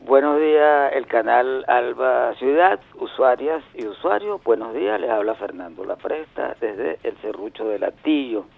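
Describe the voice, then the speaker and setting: A man in his sixties, a regular caller to a radio show, phones in for a casual, rambling chat full of wordplay. His mid-range voice is creaky, with lively intonation, a measured pace, and few pauses. The telephone audio is dull, lo-fi, and dry.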